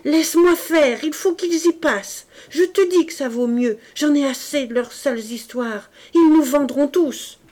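A woman reading an audiobook voices a frantic, desperate young man, shouting and pleading. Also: high voice, a little slow, few pauses, pitched above the performer's own voice. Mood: raging.

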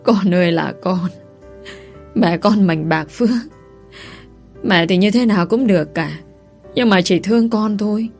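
A woman voicing a scheming young pregnant village woman who wails and pleads loudly. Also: mid-range voice, a little slow, long pauses, faint music behind, lightly acted. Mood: wailing. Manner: loud, wailing, pleading.

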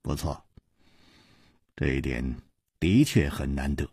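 一位男说书人扮演一位沉着潇洒的侠客，说话轻声、从容不迫。. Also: male voice, very deep voice, slow pace, husky, no room sound, studio quality, voice pushed down, exaggerated voice. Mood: calm. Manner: soft, calm, understated. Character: calm suave hero swordsman, composed.

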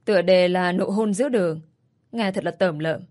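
A woman's voice: fairly low pitch, normal speed, darkish tone, natural voice. A woman voicing a cold, contemptuous middle-aged man who speaks curtly in a narrated story. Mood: scornful. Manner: scornful, curt.

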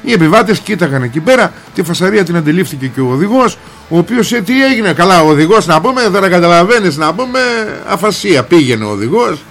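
Man, radio host, colloquial rambling storyteller, joking asides, slightly high-pitched, faint background music. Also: sing-song, a bit bright. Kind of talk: casual radio talk with story retelling.

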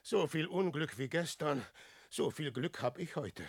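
In a verse radio play, an actor gives a full character voice to a boastful, lecherous adventurer pretending to be a prophet, declaiming theatrically as he swings between musing and crowing. The male voice sits on the high side, animated, a little slow and breathy, with a mood of smug musing.

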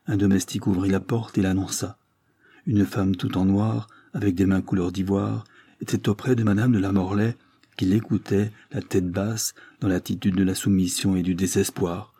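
Low, dark-voiced male audiobook narrator. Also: flat delivery, normal speed, slightly rough, no room sound. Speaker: audiobook reader. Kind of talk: scripted narration of a classic novel.

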